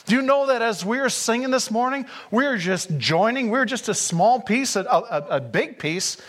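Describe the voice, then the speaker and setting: A high-pitched man preaching in a church sanctuary. He reads scripture and then talks earnestly to his congregation, pressing his points with growing fervor. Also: expressive, moderate pace, a bit bright. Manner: earnest, rising to fervent emphasis. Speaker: pastor. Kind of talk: sermon.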